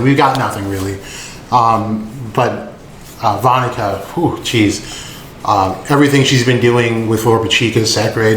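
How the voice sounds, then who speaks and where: A man with a medium-pitched, fairly bright voice hosts a casual anime commentary video, laid-back and rambling, full of filler words and swearing. The recording has an echoey room and faint noise.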